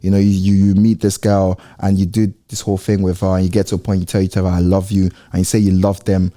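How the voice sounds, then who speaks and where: A man's voice: low-pitched, flat delivery, fast talker, dark tone. A young man, chatting casually as a podcast co-host and telling a story in a rambling way. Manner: rambling, storytelling with quoted voices. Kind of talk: casual chat.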